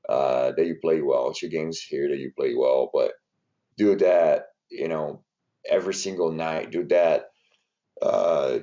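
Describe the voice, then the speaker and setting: Dull lo-fi audio captures a very deep, warm male voice. He's a Brazilian NBA strength and conditioning coach whose first language is Portuguese, and in a relaxed interview his Brazilian-accented English wanders along, padded with fillers.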